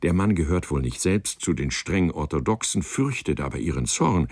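A man doing a gruff police chief. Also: very deep voice, expressive, normal speed, a little mellow, no room sound, clean studio sound, full character voice. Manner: brusque, explanatory.

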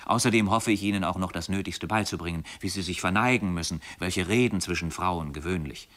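An adult man reading the lines of a calm, scheming male tutor in an audiobook, in a measured, persuasive manner. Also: low voice.

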